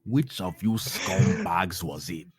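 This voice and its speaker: A man's voice: sits low, takes it slowly, husky, dry recording, clean studio sound, heavily acted. A man putting on a Nigerian accent to play an indignant man accusing the other players of betrayal. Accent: put-on Nigerian.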